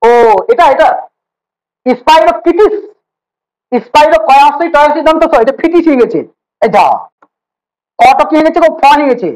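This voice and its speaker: A man's voice: extremely high pitch, a little mellow, poor audio. A man teaching biology in a casual online class, joking and teasing his students as he explains. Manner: rapid, repetitive explaining with fillers.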